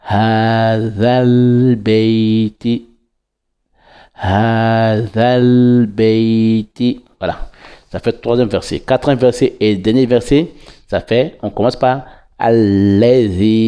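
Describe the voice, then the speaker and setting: A man teaching Quran recitation in French, breaking each verse into syllables and repeating them patiently with drawn-out vowels. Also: fairly low pitch, dark tone. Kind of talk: slow syllable-by-syllable recitation lesson.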